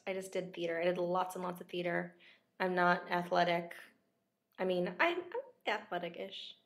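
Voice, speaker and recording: Her voice is lowish and her speed normal. This young actress, whose voice is going, casually chats with fans during a livestream and reads their questions out while making fun of herself, all recorded close up through a laptop webcam.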